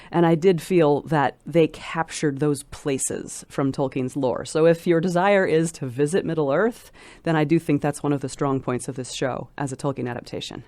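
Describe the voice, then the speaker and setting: A woman scholar with a low-pitched, darkish voice gives considered commentary as an interview guest. She speaks in an articulate, measured, emphatic way, and the recording has no echo.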